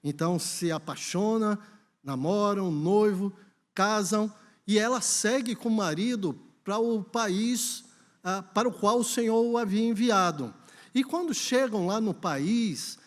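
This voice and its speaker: A man's voice: high voice, unhurried. A Brazilian man preaching a sermon at a church conference, telling a story and then urging the congregation on with emphasis. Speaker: pastor. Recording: long hall reverb.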